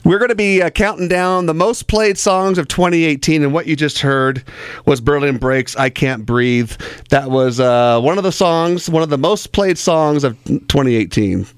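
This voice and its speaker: Clear, higher-pitched American male radio host. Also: normal speed, no echo, studio quality. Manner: jokey, repeats phrases. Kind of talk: casual local rock radio show banter. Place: radio studio. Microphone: studio broadcast microphone.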